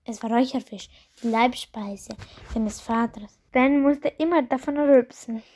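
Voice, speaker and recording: A woman narrating a children's storybook in a calm, even reading voice. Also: fairly high pitch, unhurried.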